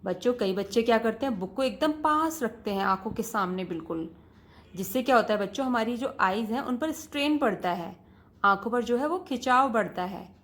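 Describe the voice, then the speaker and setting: A woman teacher delivers a classroom lesson to children with a slightly high voice. She speaks patiently, turns to her students again and again, and goes back over each point. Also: expressive, a little fast, fairly bright tone. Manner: patient, repeats points and addresses students directly.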